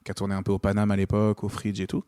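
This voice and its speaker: A man's voice: fairly low pitch, completely flat delivery, very fast, mellow, clear, resonant tone, dry recording, studio quality. A young man from Normandy chatting casually as a podcast guest, enthusiastic and full of fillers and restarts. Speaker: guest comedian and comedy club organiser.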